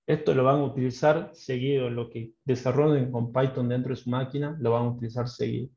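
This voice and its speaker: A man with an Argentine accent from Salta teaches programming online, his gravelly voice warm and mellow. He explains step by step and keeps checking that his students follow. The sound is dull and roomy, like a class streamed from a home office. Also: medium pitch, little pitch movement, brisk. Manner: explains patiently, often checks in with a questioning "¿sí?".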